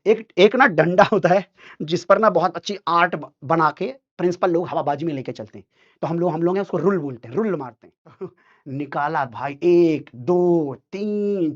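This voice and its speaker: Teacher guy telling a wild school story to his class, animated, a bit muffled audio. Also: high voice. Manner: animated, dramatic storytelling with acted quotes. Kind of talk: storytelling to students. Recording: dull lo-fi sound.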